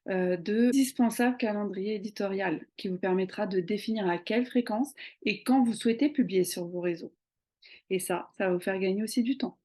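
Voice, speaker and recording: A woman's voice: medium pitch, dark tone. A young woman explaining social media tips in a casual tutorial, talking conversationally with many hesitant fillers. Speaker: social media marketing coach.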